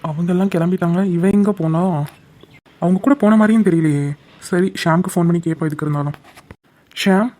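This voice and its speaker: A man's voice: sits high, fairly even intonation, fairly quick, long pauses, darkish tone, lightly acted. A man voicing a young cartoon lover who keeps pressing the girl he loves for an answer, insistent and coaxing, with music faintly behind. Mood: puzzled. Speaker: cartoon character. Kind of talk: cartoon voice acting.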